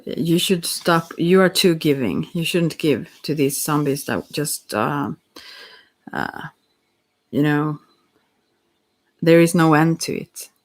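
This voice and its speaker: A soft-spoken ASMR tarot reader who talks gently and directly to the listener, meandering through pauses and restarts. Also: medium pitch.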